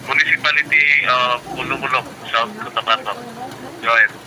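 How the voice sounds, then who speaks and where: A man's voice: medium pitch, normal speed, background noise. Man on a two-way radio. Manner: uses radio procedure words, hesitant fillers. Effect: heard over a two-way radio. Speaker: radio operator on a distant station. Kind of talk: radio contact chat.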